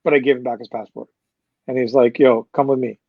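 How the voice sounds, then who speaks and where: A concert promoter tells a story in a relaxed interview, acting out what others said and cursing often in an animated way. His voice sits at an ordinary middle pitch and moves a little fast. The sound is dry, a little dull, and has no echo.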